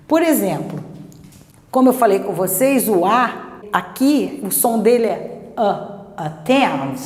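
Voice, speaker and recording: Lady teacher going through pronunciation, slow and patient, kinda high voice, roomy echo. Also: a little mellow. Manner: patient, repeats words slowly with frequent checks. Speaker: English teacher. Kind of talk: pronunciation lesson. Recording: echoey room with long reverb.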